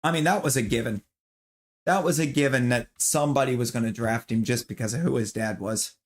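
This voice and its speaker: A man's voice: medium pitch, a little fast. Opinionated man chatting while gaming. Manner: opinionated, talks to chat viewers; rambling with restarts and fillers. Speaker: streamer. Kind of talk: casual chat while gaming.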